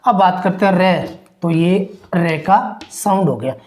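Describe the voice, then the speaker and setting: Woman teaching english phonetics, talks slowly, repeats every sound and quizzes the class. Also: fairly low pitch, expressive, darkish tone. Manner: slow, repeats each sound and quizzes listeners.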